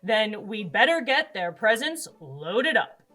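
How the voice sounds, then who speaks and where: A woman's voice: medium pitch, big pitch swings, takes it slowly, sharp tone, soft background music, heavily acted. A woman voicing Santa Claus as a jolly old man, hearty and blustering, in a storybook reading.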